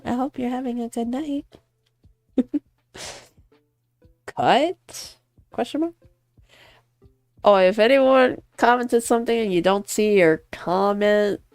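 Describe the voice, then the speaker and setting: A young woman reading a visual novel aloud and reacting in an excitable, giggly way. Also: medium pitch, normal speed, clean tone, no echo, soft background music. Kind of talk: casual game reading reaction.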